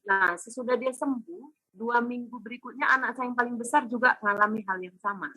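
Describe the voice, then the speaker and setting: A woman recounts a family episode in casual, animated speech, slipping into the voices of her children. Her tone is slightly husky. The sound is dry and close, as on a video call. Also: on the high side, fairly quick, no echo, poor audio. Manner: animated, acts out family dialogue. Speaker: testimonial speaker. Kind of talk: casual storytelling testimony.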